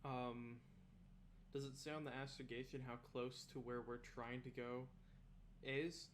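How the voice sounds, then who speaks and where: A man's voice: medium pitch, fairly even intonation, a little slow. Playful man player with faint hiss. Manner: playful, shifting into his character's lines. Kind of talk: in-character table talk.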